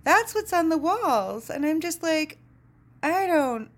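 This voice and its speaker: A woman's voice: very high-pitched, a little slow. Sardonic woman telling a story. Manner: sardonic, animated, laughs often, swears freely. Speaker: podcast host. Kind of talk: casual storytelling monologue.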